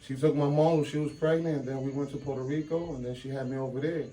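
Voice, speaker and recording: A guest rapper from New York chats casually in an interview, using street slang and switching into Spanish now and then. He talks fast in a warm, steady, medium-pitched voice. The audio is poor, with soft background music.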